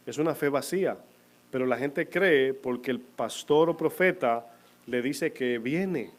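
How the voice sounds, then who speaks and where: A man preaching a sermon to his congregation, asking them questions and answering them himself, slowing down to stress key words. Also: mid-range voice. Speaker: pastor. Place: church.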